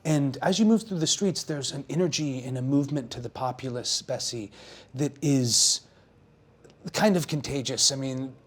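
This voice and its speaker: Mid-pitched man narrating a tabletop game. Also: normal speed. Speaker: game master.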